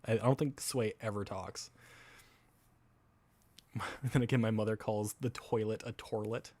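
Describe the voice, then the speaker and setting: A man's voice: lowish voice, fairly even intonation, unhurried, a little mellow, no room sound. A man from Wisconsin with a Wisconsin accent, rambling in casual live-stream chat with viewers, laughing often and swearing casually.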